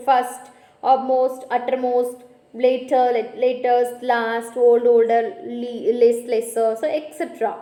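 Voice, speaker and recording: A woman with an Indian English accent giving a grammar lecture, slow and repetitive, saying "okay" often. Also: on the high side, mellow, echoey room. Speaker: college English teacher.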